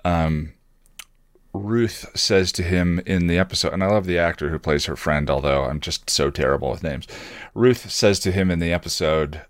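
On his own casual podcast, the host wanders off on tangents, jokes at his own expense and keeps revising what he says partway through. His voice sits low, moves at a normal speed and has no echo.

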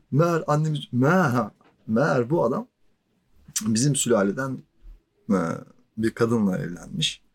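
A man's voice: medium pitch, lively intonation, unhurried, gravelly, pauses often, slightly rough. A man in his forties telling a personal story in a casual, conversational way, chuckling between loose filler words. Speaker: podcast storyteller.

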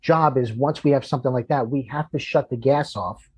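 A man who works as a firefighter, telling a long personal story in conversation, halting and restarting as he goes and growing emotional. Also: medium pitch, darkish tone. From Florida. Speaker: firefighter guest.

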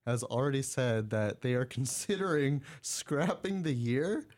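A man's voice: medium pitch, measured pace, a little mellow. Man, podcast co-host, casual sports chat, joking, rambling. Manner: joking, laughs mid-sentence, rambling. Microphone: studio mic.

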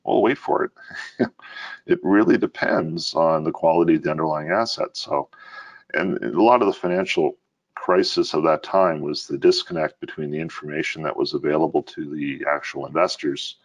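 Deep-voiced man chatting animatedly about finance. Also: normal speed. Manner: animated, laughing asides, stammering restarts. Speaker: podcast co-host. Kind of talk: casual finance podcast chat.

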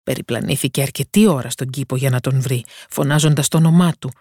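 A woman storyteller giving a scripted fairy-tale narration in a calm, measured way. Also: very deep voice, breathy edge, no echo, studio quality.

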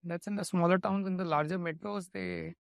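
Man, Indian English accent, creaky voice, dry recording, explanatory interview answers, self-correcting. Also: high-pitched, fairly even intonation, brisk, no room sound. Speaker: company executive, interview guest.

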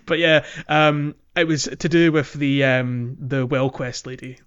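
His voice is mid-range and flat, unhurried, with a crowd audible in the background. He's a podcast host giving a casual video game recap, hesitant and prone to giggling. Music plays under the slightly dull recording.

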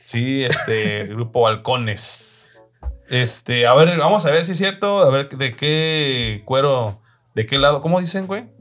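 A man's voice: mid-range voice, expressive, slow pace, fairly bright tone, faint music behind. A man with a Mexican accent hosting a casual chat, reading viewer comments aloud in a laid-back way, swearing often and laughing between comments. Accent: Mexican Spanish. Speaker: host.

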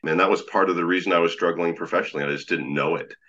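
A man with an extremely low, magnetic voice that still has a bright, forceful edge. He speaks conversationally, telling stories as an interview guest. The recording is slightly dull and lo-fi. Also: steady tone, very fast. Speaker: podcast guest, leadership coach.

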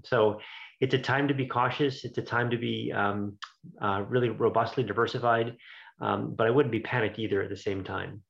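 A man giving unscripted expert commentary as a panelist, measured and hesitant, often rephrasing as he goes. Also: fairly low pitch, vocal fry. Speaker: investment strategist on a panel. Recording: slightly dull, lo-fi audio.

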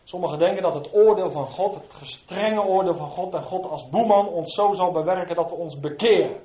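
A man preaching a sermon to his congregation, moving between quiet, low asides and loud, fervent emphasis. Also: brisk, echoey room.

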